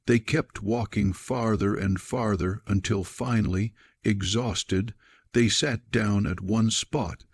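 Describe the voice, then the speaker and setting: A man narrating a scripted story in an even, measured way. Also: fairly low pitch.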